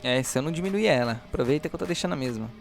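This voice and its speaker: Over background music, a Brazilian man runs a horror tabletop session as game master, alternating vivid description with relaxed slang-filled comments. His mid-range voice is creaky and expressive, and he speaks at a racing pace.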